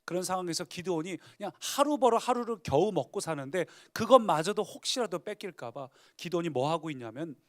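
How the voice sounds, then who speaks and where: A male pastor preaching in a church, telling the story in a lively way and acting out the people he quotes. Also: sits high, a little fast, few pauses. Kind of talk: sermon.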